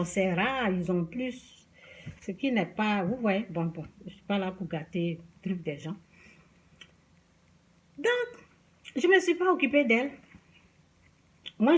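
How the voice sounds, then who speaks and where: A woman from the Ivory Coast with an Ivorian French accent, chatting to camera and telling an everyday story in an animated way, addressing viewers directly. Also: on the high side. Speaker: vlogger.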